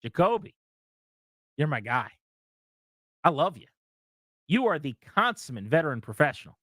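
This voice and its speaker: A man's voice: a little high, very animated, moderate pace, fairly bright tone, dry recording. A man hosting sports talk radio, giving opinionated commentary and talking straight to his listeners from a studio.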